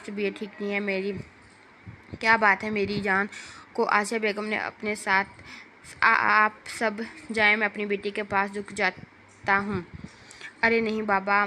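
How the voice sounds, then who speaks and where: A woman's voice: medium pitch, bright, forceful tone, a little hiss or hum. A woman reading a light comic novel aloud as narrator, voicing every character herself.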